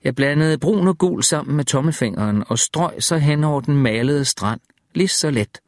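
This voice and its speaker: A man reading a first-person audiobook in a calm, measured, reflective way. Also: on the high side, dry recording, clean studio sound. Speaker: audiobook narrator.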